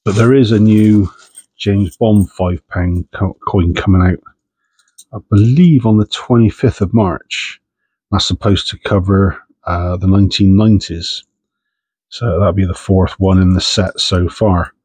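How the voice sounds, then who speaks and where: Sorting coins for his coin-hunting channel, a man with a head cold sniffs and chats in a chatty, understated, self-deprecating way. His voice sits low with a darkish, breathy edge, keeping a steady, unhurried tone with no room sound.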